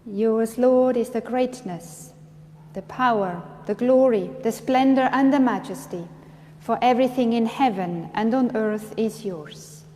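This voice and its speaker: A woman leading a church service with measured, formal liturgical delivery, her words echoing as in a cathedral. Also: on the high side, warm tone. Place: large reverberant church, indoors. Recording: long church reverb, background hum.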